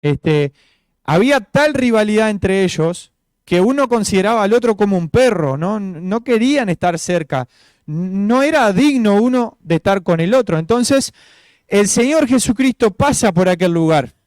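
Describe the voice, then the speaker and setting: Male pastor, high-pitched, conversational sermon delivery, dry close-miked sound. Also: darkish tone, no room sound. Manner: informal, asks rhetorical questions, many fillers.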